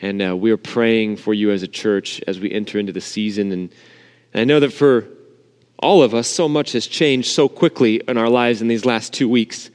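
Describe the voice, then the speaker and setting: A man's voice: lowish voice, fairly even intonation, normal speed, a little mellow, clean tone. A man preaching an informal, earnest sermon to an empty church sanctuary, his voice carrying the cathedral-like echo of the room. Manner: informal, earnest, talks directly to the congregation. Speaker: pastor. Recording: long reverb of an empty sanctuary.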